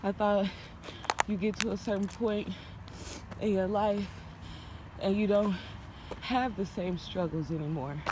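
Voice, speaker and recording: A woman's voice: medium pitch, a little slow, long pauses. Woman talking earnestly to her phone outside, encouraging, bit of background noise. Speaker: vlogger. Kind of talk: casual heartfelt vlog chat. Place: outdoors. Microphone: handheld phone. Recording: noisy outdoor phone recording.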